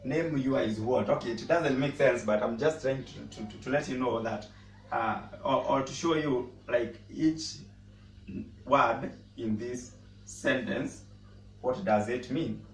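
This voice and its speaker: A man who speaks natively, teaching a casual language lesson and pausing often to repeat words as he explains. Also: medium pitch, faint music behind. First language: Swahili. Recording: roomy echo, mic at a distance, faint noise.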